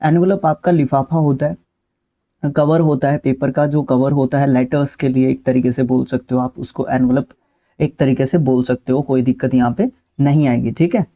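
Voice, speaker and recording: A man teaching vocabulary in a relaxed, explanatory lesson, checking in often with his listeners and pausing on filler sounds. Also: mid-range voice. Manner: repetitive, with "ठीक है" check-ins and filler sounds. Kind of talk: explanatory lesson, talking through word lists.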